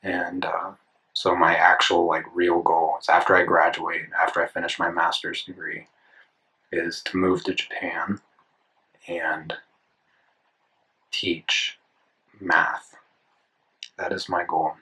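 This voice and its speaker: Sitting low in pitch, this art channel host in his twenties speaks slowly with long pauses, his delivery completely flat yet bright and forceful. He chats casually at an indoor desk while sketching, rambling and self-correcting as he thinks aloud, over poor audio.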